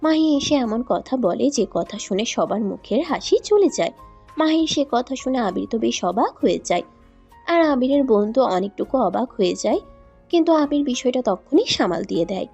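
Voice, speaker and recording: Woman narrator with a dark, husky voice. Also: on the high side, big pitch swings, a little fast, muffled recording, soft background music. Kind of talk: scripted story narration.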